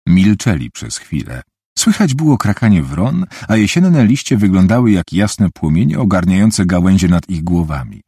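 A man narrating an audiobook in a measured storytelling manner, with a husky voice, recorded on a close mic. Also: low-pitched, sing-song, dark tone, no echo. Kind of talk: scripted narration.

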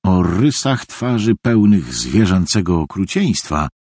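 Husky man narrating an audiobook. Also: low-pitched, unhurried, no echo, studio quality. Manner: expressive storytelling.

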